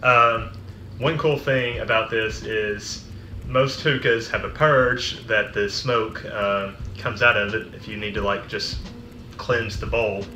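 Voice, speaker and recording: A man's voice: fairly low pitch, fairly even intonation, slow, bright, forceful tone. A man giving a casual, conversational product review. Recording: roomy echo, music behind. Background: music.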